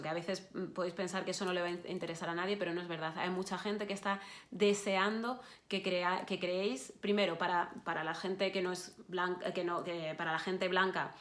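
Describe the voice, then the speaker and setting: Low-voiced woman. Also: a bit bright. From Spain. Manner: encouraging, addresses listeners directly, frequent restarts and fillers. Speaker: journalist giving an online course session. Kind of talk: online course talk to students.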